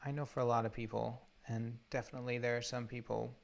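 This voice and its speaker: A man leading a guided meditation from a laptop or phone while traveling, talking haltingly with many fillers and restarts. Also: mid-range voice, flat delivery, creaky. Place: undisclosed spot while traveling. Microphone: laptop or phone mic.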